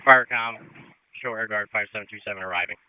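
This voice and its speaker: A man's voice: fairly low pitch, fast talker. A man, a responding firefighter, making clipped call-ins over the radio. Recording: noisy lo-fi radio with clicks.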